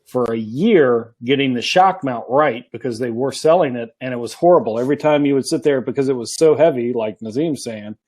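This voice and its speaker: A man's voice: mid-range voice, fairly quick, hardly any pauses, darkish tone. A man chatting casually as a guest on a live stream from his kitchen, rambling with frequent restarts. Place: home kitchen.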